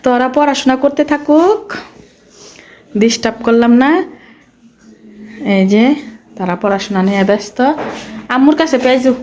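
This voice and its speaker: A hoarse woman, chatting casually to viewers in a home vlog as she tends her small children. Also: sits high, moderate pace, pauses often, a little mellow, rough recording. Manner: chatty, talks to viewers and coaxes her toddler. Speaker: vlogger and mother.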